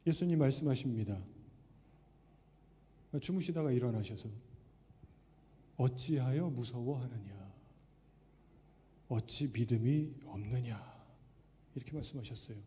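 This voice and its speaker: A man's voice: medium pitch, a little slow, long pauses, dark tone, in a large hall. A male pastor preaching a sermon, acting out the voices of doubting believers as he goes. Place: church sanctuary.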